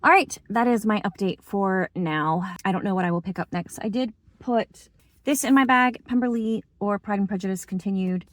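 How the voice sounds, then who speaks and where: A woman's voice: mid-range voice, normal speed, no room sound. A woman chatting enthusiastically about her reading in a casual book vlog. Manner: enthusiastic, chatty, lots of fillers. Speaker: book vlogger.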